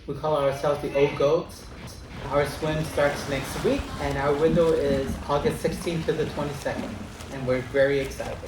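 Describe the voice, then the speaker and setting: A man's voice: on the high side, level tone, moderate pace. A man in his seventies, the organizer of a swim team, speaking in an upbeat, matter-of-fact way in a documentary interview. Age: 70s. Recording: roomy with faint noise.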